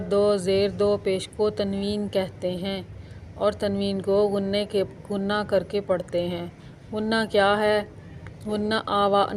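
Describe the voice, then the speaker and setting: Casting: woman recitation teacher, slow and patient, flat even delivery, faint traffic noise behind. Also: medium pitch. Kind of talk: slow step-by-step tajweed lesson.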